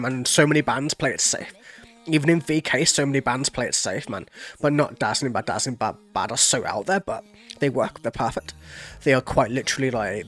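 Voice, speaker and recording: A man's voice: medium pitch, fairly bright tone. A man hosting a music reaction channel, chatting loosely and profanely about lyrics, full of "like" and "you know". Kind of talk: casual reaction commentary, explaining lyrics.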